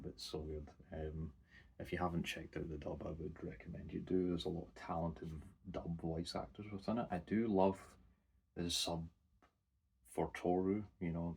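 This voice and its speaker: Young man, very deep voice, gravelly, husky, flat delivery, rambling casual review with swearing. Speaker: anime vlogger. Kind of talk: casual unscripted review monologue.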